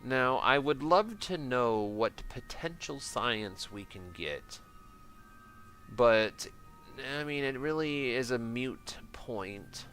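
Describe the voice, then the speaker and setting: With soft music in the background, this Michigan game streamer speaks slowly in an animated, mid-range, somewhat bright voice. His American-accented commentary is casual and jokey, full of slang and self-deprecating chat with viewers.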